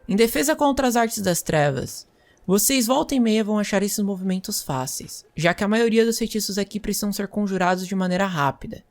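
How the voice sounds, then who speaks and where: Woman playing a wizard teacher, calm explaining tone, talks right to the class. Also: mid-range voice, creaky. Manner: measured, explanatory, addresses students directly. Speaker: fantasy magic teacher. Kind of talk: scripted role-play lecture.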